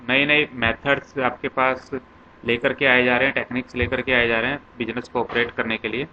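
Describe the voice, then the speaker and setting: A man's voice: mid-range voice, sharp tone. A man teaching commerce, walking through concepts in a lecture with lists and examples. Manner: explains step by step with many examples and lists. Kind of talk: classroom lecture. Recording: slightly dull lo-fi with faint noise.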